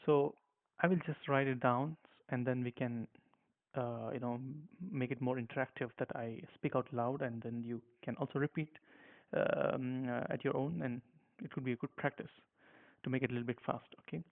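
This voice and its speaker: Over a tinny, phone-like recording, a man teaches a language at a normal pace in a steady, mid-range voice. He spells out letters patiently, one at a time, saying each one's sound, in a slow lesson full of repetition.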